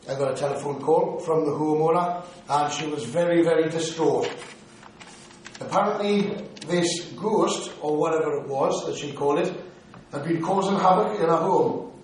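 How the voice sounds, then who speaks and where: A man from Newcastle upon Tyne, England, with a strong Geordie accent gives a prepared lecture on a paranormal case to an audience in a lecture hall. His voice is on the high side and a little mellow, recorded from afar in a very echoey hall with slight background noise.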